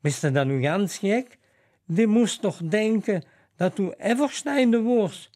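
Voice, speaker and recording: A man's voice: sits high, animated, takes it slowly, a little mellow, pitched above the performer's own voice. A man doing a fretful young nun. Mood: shocked. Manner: worried, exclaiming. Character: young nun, fretful and easily shocked, woman.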